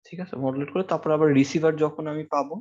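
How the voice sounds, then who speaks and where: A man's voice: on the high side, steady tone, racing, darkish tone, highs cut off. Man lecturing to a classroom, questioning students. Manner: explanatory, asks students questions, many fillers. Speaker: university lecturer. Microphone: microphone with amplifier in a classroom.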